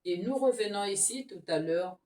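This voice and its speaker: A woman teaching a phonics reading lesson, calling out syllables slowly and loudly and following them with short praise. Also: mid-range voice, expressive. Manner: slow, deliberate, loud drilled syllables with short praise. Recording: roomy echo, voice from far off.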